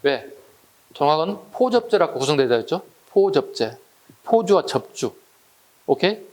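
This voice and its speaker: A man's voice: fairly high pitch, big pitch swings, a little slow, a little mellow. Chatty male history lecturer. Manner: chatty, rhetorical questions to students. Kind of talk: exam-prep lecture.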